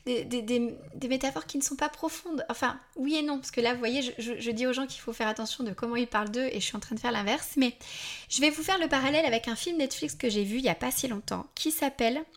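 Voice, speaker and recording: A woman's voice: fairly high pitch, fast. A woman in her forties hosting a podcast, talking candidly and casually to her listeners, with frequent asides and self-deprecating apologies. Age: 40s. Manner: chatty, candid, addresses listeners directly. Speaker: podcast host.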